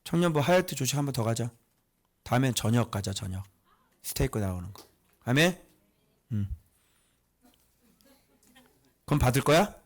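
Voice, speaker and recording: A man preaching a conversational sermon as pastor, teasing the congregation with quick rhetorical questions. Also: medium pitch, expressive.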